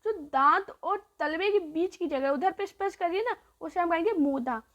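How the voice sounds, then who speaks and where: A woman teacher giving a grammar lesson who asks questions and answers them herself, repeats each point and draws out the sounds slowly. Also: very high voice, animated, fairly bright tone, highs cut off.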